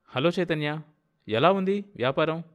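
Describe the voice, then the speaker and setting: A man's voice: on the high side, lively intonation, moderate pace, voice pushed up, close to an everyday voice. A man voicing a cheerful, teasing wealthy film producer who likes to challenge people in a story reading. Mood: jovial.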